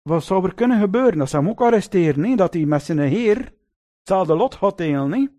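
A man's voice: high voice, fairly quick. A man preaching a sermon, telling the story vividly and often turning to his listeners with little questions. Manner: lively storytelling, addresses listeners with "lieve mensen" and tag questions.

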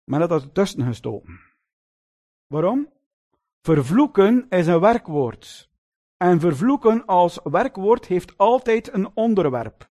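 A man's voice: high-pitched, slow. A man preaching a sermon, telling the story vividly and often turning to his listeners with little questions. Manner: lively storytelling, addresses listeners with "lieve mensen" and tag questions.

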